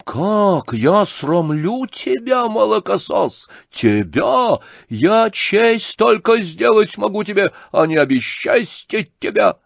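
A man's voice: mid-range voice, sing-song, takes it slowly, creaky, dry recording, pitched above the performer's own voice, heavily acted. A man voicing a pompous, furious old retired general who declaims and thunders with indignation. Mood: raging.

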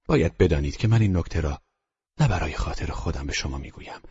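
A gentle, earnest aging doctor murmurs his confession in a hushed, near-whispered voice, as a male narrator puts him on. The voice sits very deep and husky, with a dry, dull lo-fi sound like an old audiobook. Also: lively intonation, dry recording, exaggerated voice. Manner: speaks softly, often in a hushed whisper.

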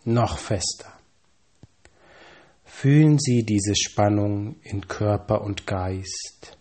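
A man with a lowish voice calmly reads a guided relaxation script, counting slowly and leaving measured pauses.

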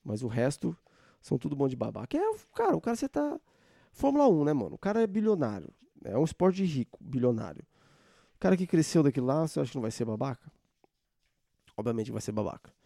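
A man's voice: mid-range voice, big pitch swings, fast talker, vocal fry, dark tone, no echo. A young man hosting a solo podcast, ranting in an informal, slangy and sarcastic way into a close mic. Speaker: podcast host. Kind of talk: casual solo podcast rant.

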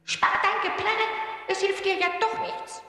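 A woman voicing a cruel, cackling old witch in a storybook reading, shrill and creaky. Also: fairly even intonation, a little slow, pushed and bright, big-room sound, soft background music, heavily acted. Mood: bossy. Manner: gloating, commanding, scornful.

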